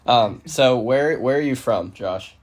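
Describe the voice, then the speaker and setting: A man's voice: medium pitch, lively intonation, measured pace. A man in his twenties hosting a campus interview show and asking his guest questions in an easygoing, plain-spoken way. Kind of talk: casual interview. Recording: loud music behind the voice.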